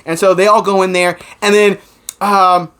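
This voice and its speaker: A man's voice: high voice, little pitch movement, normal speed, a bit bright, clean tone. A man casually recapping a movie plot, rambling, swearing often and laughing. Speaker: co-host.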